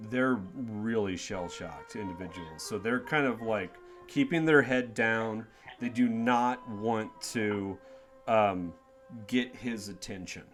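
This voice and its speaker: Rambling male game master. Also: mid-range voice. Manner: rambling, full of fillers and restarts. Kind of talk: narrating a tabletop game.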